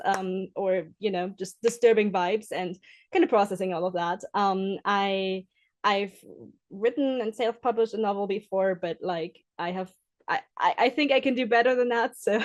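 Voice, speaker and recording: A woman's voice: medium pitch, dry recording. A woman introducing herself as an author on a live video call, hesitant, with many fillers and restarts. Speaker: anthology author. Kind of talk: self-introduction on a live stream.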